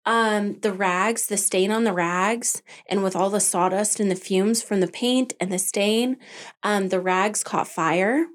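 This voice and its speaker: A woman's voice: medium pitch, measured pace. Chatty woman telling a story. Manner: animated, acts out her own and her husband's lines. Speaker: boutique owner, podcast guest. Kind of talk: casual storytelling chat.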